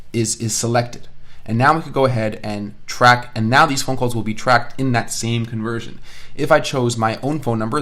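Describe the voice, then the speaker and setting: A man with a mid-range voice walks through an informal screencast software tutorial at a close mic. Like an online instructor thinking aloud, he explains each step and returns to key phrases in repeated patterns for emphasis.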